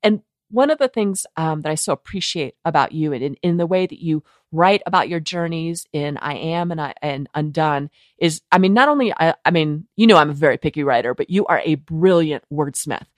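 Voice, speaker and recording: A woman hosts a podcast interview in an earnest, affirming way, often restarting her sentences as she gathers her thoughts. Her voice sits a little low, recorded close and dry. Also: brisk, hardly any pauses, no room sound. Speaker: podcast host.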